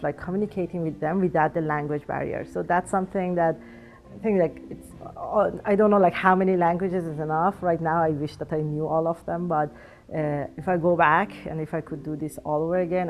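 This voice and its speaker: A Farsi-speaking woman in her thirties, appearing as an alumna guest, answers interview questions earnestly and occasionally hunts for words. Her voice sits on the low side and is a little mellow.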